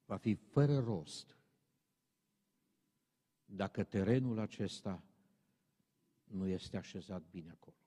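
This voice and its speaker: A man's voice: fairly low pitch, long pauses, dark tone, husky. A man preaching a sermon, his delivery climbing into stern, emphatic exhortation. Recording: long reverb of a large hall.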